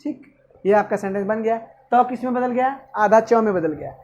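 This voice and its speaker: A man's voice: sits high, normal speed, darkish tone, highs cut off. A male teacher giving an exam-prep grammar lesson, asking questions and answering them himself. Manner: asks and answers own questions, repeats "okay".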